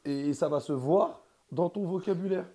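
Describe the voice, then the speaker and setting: Speaking at normal speed with a fairly high pitch and a dark tone, a man of Portuguese heritage, quasi bilingual, holds a relaxed conversation. He rambles, stresses his points hard, and leans heavily on slang.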